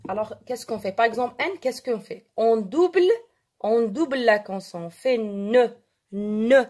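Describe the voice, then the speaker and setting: Lady teaching french, fairly high voice, goes over words slow and keeps asking "d'accord?". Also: lively intonation, dark tone. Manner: switches between French and Arabic, repeats words slowly and asks "d'accord?". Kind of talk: classroom-style French grammar lesson.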